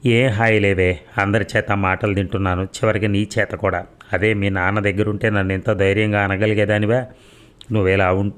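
A man's voice: lowish voice, fairly bright tone, close to an everyday voice. A man voicing a defensive, self-pitying middle-aged mother who complains plaintively in a read audio story.

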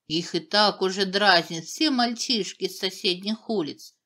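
A woman's voice: mid-range voice, a little slow, sharp tone. A woman voicing a cunning adult male court advisor who wheedles, giggles and whines for sympathy. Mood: wheedling. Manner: wheedling, giggling, hoarse when angry. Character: sly scheming male royal advisor, adult.

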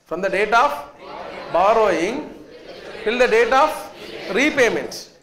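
A man's voice: sits high, lively intonation, a little slow, fairly bright tone. A man in his thirties with a South Indian accent, teaching a class emphatically, repeating points and putting questions to students. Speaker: accountancy lecturer. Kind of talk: classroom lecture. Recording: echoey classroom with students faintly audible.

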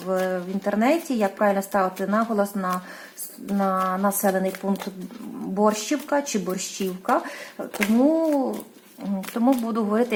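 A woman's voice: medium pitch, slight background noise. A woman from Ukraine giving a casual tarot reading, hesitant, with many fillers and restarts, apologizing for how she says place names. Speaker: tarot reader.

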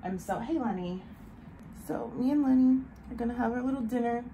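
A woman's voice: a little high, mellow, slight background noise, low-quality recording. A young woman in her twenties talking casually to camera for a beauty vlog, chatty and drowsy, recorded close on a phone at home. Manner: chatty, tired and drowsy, with sighs and drawn-out words. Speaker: beauty vlogger. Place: bedroom at home, indoors. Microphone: phone or camera held close.

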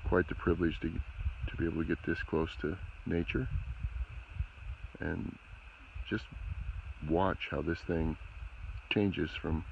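A man speaks in a very low, heavily creaky voice, narrating wildlife in a casual vlog style. He takes his time and often pauses mid-thought as he talks from behind a handheld camera outdoors. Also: steady tone. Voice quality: gravelly, creaky. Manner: unhurried, pausing mid-sentence. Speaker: outdoor vlogger, channel host. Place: outdoors on a snowy mountain roadside. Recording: muffled outdoor phone audio, clear background noise.

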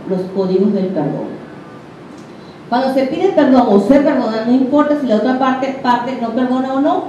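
This is a woman with a Venezuelan accent, her voice fairly high and mellow, teaching a group in a conversational manner and putting questions straight to her audience. Slight background noise, an echoey room and a distant dull mic mark the recording.

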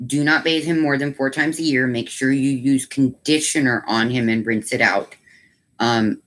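A woman hosting a craft channel from home, chatting casually with viewers and cooing to her dogs. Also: rumbling low. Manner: chatty and doting, coos baby talk to her dogs. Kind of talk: casual livestream chat.

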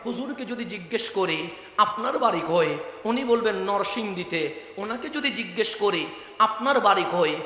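A very high, bright male voice with a Chittagonian accent preaches a waz sermon. He repeats phrases in a chanting rhythm and rises into loud shouts. His voice rings through an echoey hall with a long reverb tail. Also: expressive, normal speed. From Chittagong, Bangladesh. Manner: rhythmic repetition building to loud shouted climaxes.

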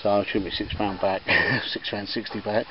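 A man with a lowish voice and fairly even intonation chats casually at a moderate pace while showing off his auction finds. He rambles with plenty of ums and restarts as he films outdoors in a garden and workshop. The camera audio is slightly dull, with faint outdoor ambience, background noise and church bells.

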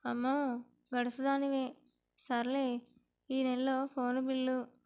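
A woman's voice: high-pitched, monotone, slow, smooth. A woman storyteller voicing a stingy son-in-law who grumbles about supporting his father-in-law. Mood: grumbling. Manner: grumbling, hushed.

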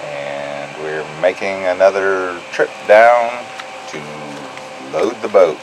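A man's voice: low-pitched, slow pace, background noise. A man co-hosting a sailing vlog, narrating in a matter-of-fact way. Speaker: vlog co-host, husband.

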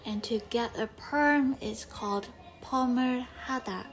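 A woman's voice: fairly high pitch, slow pace. A young woman from Korea, chatting casually through a vlog with lots of fillers. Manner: chatty, loose with fillers like "like" and "you know". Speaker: vlogger. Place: bright home studio, indoors, then voice-over. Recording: talk over loud background music.

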